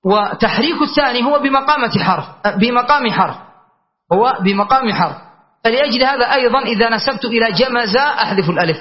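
A man teaching a classical grammar lesson, explaining patiently and checking in with his students. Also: very high-pitched. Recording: dull lo-fi recording.

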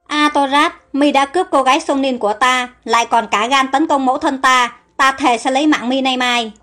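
A man's voice: very high voice, normal speed, sharp tone, faint music behind. A woman reading the lines of a young male king who is grieving and hot-tempered in an audio storybook. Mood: furious. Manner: anguished, vengeful outbursts.

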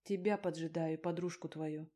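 A woman reading the part of a rough, angry young man who barks out blunt, scornful replies in an audiobook. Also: low-pitched, fairly even intonation, moderate pace, mellow. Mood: gruff.

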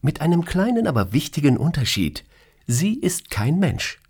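A bright, teasing woman boss from an audiobook story, put on by a man. She talks playfully, her pitch swinging up and down. There is a slight huskiness under the voice. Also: big pitch swings, normal speed, husky. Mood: explaining. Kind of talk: audiobook character reading.

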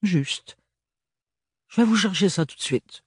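A nervous young chambermaid, high and pleading, spills her words in a husky, breathy rush, as a male narrator puts her on. The voice is dry and close, with no room sound. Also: animated, unhurried, no room sound, exaggerated voice. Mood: anxious. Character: young provincial teenage chambermaid, jittery. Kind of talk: audiobook character voice.

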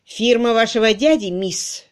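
A woman voicing a brash, blustering male debt collector who speaks loudly and stretches his words. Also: a little high, lightly acted. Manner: loud, emphatic, drawn-out words.

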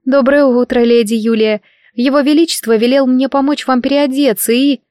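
A woman's voice: high-pitched, steady tone, moderate pace, darkish tone, no echo, clean studio sound, voice pushed up, natural voice. A woman voicing a gossipy, prim, wide-eyed young maid with a chirpy, scandalized manner in an audiobook reading.

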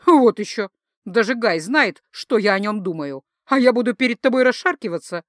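A woman's voice: medium pitch, expressive, moderate pace, no echo, studio quality, natural voice. A woman reading an audiobook, voicing a blunt, exasperated young woman.

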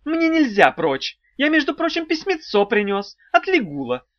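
A squeaky little demon, spiteful and fawning, shrieks way up high in wild, swooping outbursts. The sound is dull and lo-fi. His whining keeps breaking into shrill fury. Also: huge pitch swings, normal speed, no room sound, full character voice.

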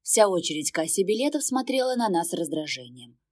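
A woman reading first-person fantasy narration in an even, wry storytelling manner. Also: lowish voice, brisk, no room sound, clean studio sound. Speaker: audiobook narrator.

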